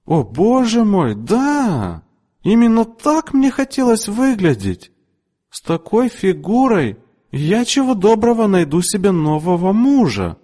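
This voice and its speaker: A man voicing a bossy, heavyset older woman customer in a story reading, with a shrill, demanding manner. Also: very animated, slow pace, long reverb tail, heavily acted. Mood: ecstatic. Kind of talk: audiobook character voice.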